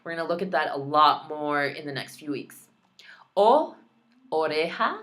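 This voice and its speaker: A young adult woman who is a Spanish heritage speaker teaches vocabulary in a recorded lesson, pronouncing words carefully and adding playful asides. Her voice sits low and sounds bright and forceful.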